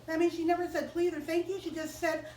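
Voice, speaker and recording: A woman tells a story to children in a chapel. She is animated and keeps asking the children questions, in a high voice. The mic sits far from her in an echoey room with faint ambience. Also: fast talker, a little hiss or hum.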